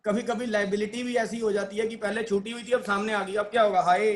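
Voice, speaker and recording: A man's voice: high voice, little pitch movement, fast talker. A man teaching accounting in a playful lecture, acting out joy and dismay and quizzing his students. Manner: asks students questions and answers them himself. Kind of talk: classroom lecture.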